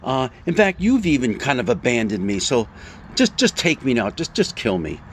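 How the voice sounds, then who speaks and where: A man's voice: mid-range voice, very animated, normal speed, slight background noise, natural voice. A man voicing a despairing, worn-out male prophet who pleads to die, his voice climbing into anguished cries.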